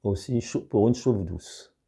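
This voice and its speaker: A man with a French regional accent demonstrates a product in a casual review, explaining carefully and hesitating a lot. His husky, creaky voice is on the low side, with a dark tone and a measured pace.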